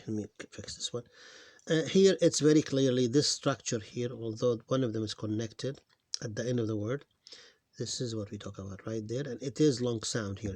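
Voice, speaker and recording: Working through a phonics lesson alongside on-screen writing, this man has a mid-range voice with a breathy edge and no echo. He is patient, sounding out syllables slowly and fixing his own slips, though his voice is growing tired.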